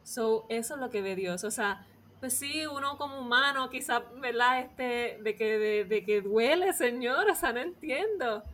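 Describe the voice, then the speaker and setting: A woman's voice: fairly high pitch, a little slow, fairly bright tone. A woman hosting a casual faith podcast, talking reflectively and laughing easily. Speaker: podcast host.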